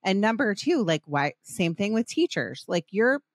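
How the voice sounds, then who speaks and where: A woman's voice: medium pitch, very animated, moderate pace, no echo, clean studio sound. A middle-aged woman hosting a podcast in casual chat, rambling and passionate, often restarting her sentences. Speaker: podcast host.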